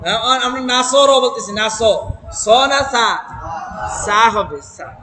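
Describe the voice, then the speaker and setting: A man's voice: very high voice, animated. A man teaching Quran reading in a classroom with a Bangladeshi Bengali accent, patiently quizzing students and chanting examples. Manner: patient, questioning drills, chants examples slowly. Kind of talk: classroom recitation lesson. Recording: noisy room recording.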